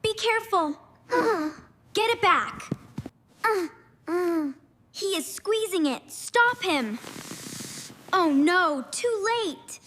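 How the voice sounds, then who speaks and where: A woman voicing an excitable little girl. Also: extremely high pitch, background noise, full character voice. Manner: exclaiming, bossy, clearly enunciated. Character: excitable young girl babysitting her baby brother. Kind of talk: slow scripted story for language learners.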